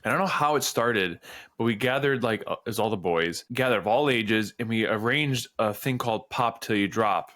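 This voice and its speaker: A man co-hosting a podcast in casual chat. He is animated, laughs easily and acts out the lines of people in his stories. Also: lowish voice, normal speed. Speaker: podcast co-host.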